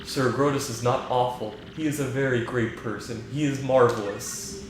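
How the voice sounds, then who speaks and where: A man doing a flat monotone lab computer. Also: medium pitch, moderate pace, very echoey, background noise, lightly acted. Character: monotone male lab computer, stiff and smitten. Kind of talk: reading game dialogue aloud.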